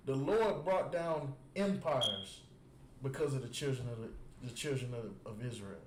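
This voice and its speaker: Speaking a little slowly, a man with a medium-pitched, animated voice preaches to a group as a religious teacher, using call and response on the street. He repeats words for emphasis and asks "You understand?" after nearly every point. The audio carries echo and faint noise.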